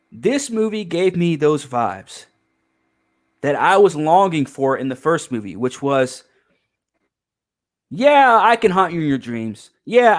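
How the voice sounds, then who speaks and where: A man with a slightly higher voice than most men chats through a movie review. He rambles and restarts his sentences, leaning hard on his points and swearing freely. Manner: rambling, emphatic, profane, many restarts. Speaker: podcast host. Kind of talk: casual film review chat.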